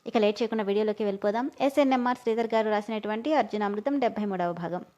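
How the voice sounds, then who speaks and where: A woman's voice: medium pitch, racing, warm tone, lo-fi sound. A woman hosting her channel and narrating a story, friendly and addressing listeners as friends.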